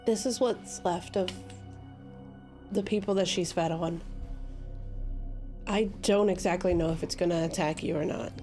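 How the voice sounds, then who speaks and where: A woman's voice: on the low side, fairly even intonation, measured pace, pauses often, mellow. Casual woman player chatting over music. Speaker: tabletop game player. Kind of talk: casual table chat. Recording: music playing behind the voice.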